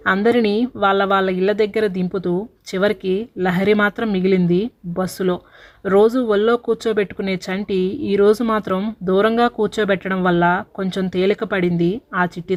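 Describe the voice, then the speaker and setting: A woman narrating a story in a dramatic, sorrowful voice. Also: medium pitch.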